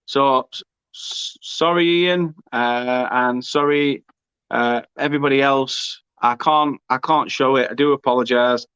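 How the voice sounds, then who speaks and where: A man's voice: medium pitch, a little slow, smooth, dry recording. A man hosting a live football watchalong, chatting and reacting to the match. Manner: excitable, shouts during goal moments. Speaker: watchalong host. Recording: dull lo-fi dry sound.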